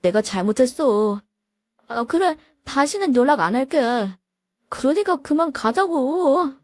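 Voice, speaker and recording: A woman's voice: high voice, expressive, measured pace, darkish tone, no echo, studio quality. A woman doing a cowering, pleading husband. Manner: whiny, pleading. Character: cowed, pleading cheating husband.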